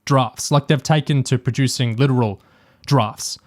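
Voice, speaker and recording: A man with a mid-range voice co-hosts a podcast at a normal pace, discussing audio drama and TV in a casual, analytical way with a fan's enthusiasm.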